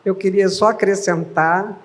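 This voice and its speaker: A woman's voice: mid-range voice, fairly even intonation, measured pace. A woman curator emphatically adding a remark at an exhibition opening.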